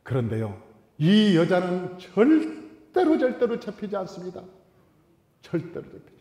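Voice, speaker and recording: A male pastor preaching a sermon in a church, telling humorous stories and swinging suddenly from loud to soft. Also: high voice, huge pitch swings, normal speed. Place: large church sanctuary. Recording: reverberant church hall.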